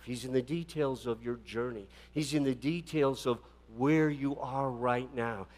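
A man preaching a sermon, telling a long story with dramatic swings between loud fervent peaks and quiet passages, often repeating words as he restarts. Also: mid-range voice. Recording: long hall reverb.

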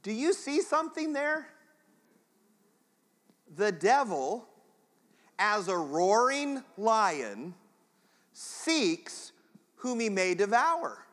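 A man's voice: high-pitched, sing-song, drawn-out words, pauses often, a bit bright, long reverb tail. A man preaching a sermon as pastor, chatting straight to the congregation in a conversational way.

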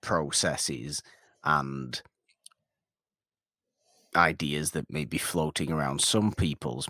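A bass-voiced podcast co-host chats casually about an old film, rambling and animated, often breaking off mid-sentence. The studio sound is clean, with no echo.

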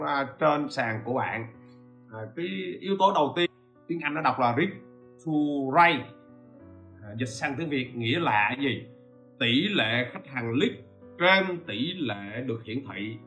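A man talks his listeners through a lesson in a loose, conversational way. His voice sits in a middle pitch, and he keeps pausing on questions like a teacher checking that the class follows. Soft guitar music plays faintly underneath. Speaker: podcast host teaching e-commerce. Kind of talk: informal spoken lecture.

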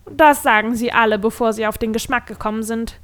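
A woman voicing a shifty, scarred male dwarf who deals pills, talking in a sly, wheedling, drawn-out way. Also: a little high, fairly even intonation, fairly bright tone, lightly acted.

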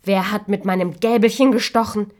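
A woman's voice: mid-range voice, animated, a little fast, darkish tone, slightly rough. A woman doing the seven fussy little dwarfs. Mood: puzzled. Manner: puzzled questioning, sometimes whispered. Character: seven small male dwarfs, kind and fussy.

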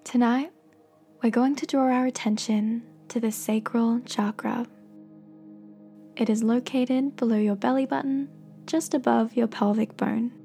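A woman with a soft, breathy voice gently and slowly guiding a meditation in soothing, encouraging scripted narration. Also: a little high, steady tone, faint music behind. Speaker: guided meditation host.

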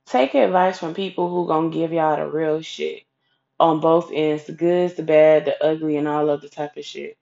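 A woman's voice: low voice, fairly even intonation, normal speed, vocal fry, warm tone. A woman giving blunt, sassy, profanity-heavy advice in a casual vlog rant. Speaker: advice vlogger. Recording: dull lo-fi recording.

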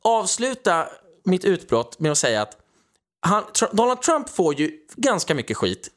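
A man's voice: high-pitched, big pitch swings. Guy ranting sarcastic about politics, voice jumps all over the place. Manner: ranting, sarcastic, mocking impressions. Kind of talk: casual political chat.

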